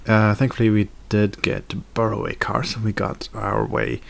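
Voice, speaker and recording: A man's voice: lowish voice, lively intonation, moderate pace, vocal fry. A young man chatting casually in a daily vlog, rambling with fillers and self-corrections. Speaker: video blogger.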